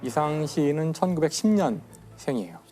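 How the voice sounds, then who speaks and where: A man in his fifties, a physics professor on a TV talk show, telling a story in a lecture style and slowing down for dramatic emphasis. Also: on the high side, expressive, over music. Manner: enthusiastic, slows down for dramatic emphasis. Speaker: physics professor guest speaker.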